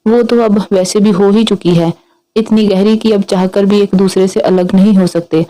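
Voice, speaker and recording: A woman's voice: mid-range voice, fairly even intonation, normal speed, warm tone, lightly acted, rough recording. A woman voicing a jealous young man who hides his resentment behind forced politeness. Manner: forced politeness with veiled threats.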